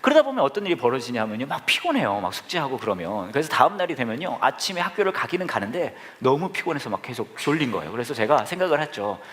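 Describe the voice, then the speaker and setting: A man's voice: medium pitch, sing-song, quick pace, hardly any pauses, a bit bright. A male pastor preaching a sermon to a live congregation, telling jokey, self-deprecating stories. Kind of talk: humorous storytelling sermon. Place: church service with live congregation.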